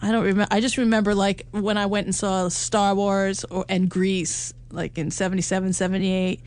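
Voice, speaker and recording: A woman's voice: medium pitch, flat delivery, normal speed, darkish tone. Chatty laughing middle-aged woman. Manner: chatty, laughs often, trailing restarts. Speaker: podcast co-host. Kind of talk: casual chat. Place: home in upstate New York.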